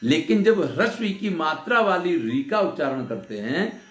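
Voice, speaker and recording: A man's voice: fairly high pitch, very animated, a little slow. A man teaching Sanskrit grammar in a lecture, patiently explaining and asking questions of his listeners before answering them. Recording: roomy echo with soft sitar music.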